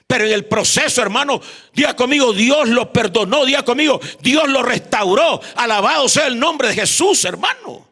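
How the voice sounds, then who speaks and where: A Honduran man preaches in a church. His voice sits high and has a gravelly edge, and he keeps pulling the congregation in, asking them to repeat after him. He is bright and forceful. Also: expressive, moderate pace. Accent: Honduran Spanish. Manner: repeats "hermano" constantly, calls for responses. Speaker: evangelist preacher. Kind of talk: sermon.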